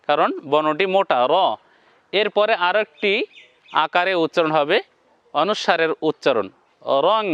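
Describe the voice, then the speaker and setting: A man teaching Quran reading in a slow, step-by-step lesson, spelling out syllables one by one and then chanting the whole words. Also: sits high, a bit bright, clean tone, lo-fi sound.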